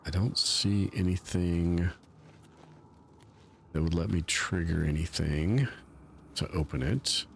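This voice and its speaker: Deep gravelly male game streamer. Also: slow pace, long pauses, a little hiss or hum. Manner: rambling, self-mocking, talks to chat. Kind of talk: casual live-stream commentary.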